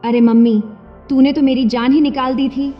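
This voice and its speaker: Cheeky young son, laid-back and teasing, a woman puts him on, high voice, dull echoey recording. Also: steady tone, moderate pace, soft background music, close to an everyday voice. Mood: startled, teasing. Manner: teasing, unbothered. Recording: dull lo-fi with long reverb.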